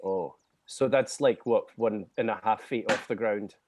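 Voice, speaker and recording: A man's voice: on the low side, measured pace, darkish tone, dry recording. Joking male player, dry close sound. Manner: joking, laughs between lines. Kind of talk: casual game table banter.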